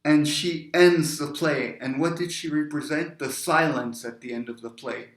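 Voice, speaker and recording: Reflective man poet telling personal stories, light pitch, roomy echo. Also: fairly even intonation, moderate pace. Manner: reflective, wandering into tangents. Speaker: poet and speaker. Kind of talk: personal storytelling talk.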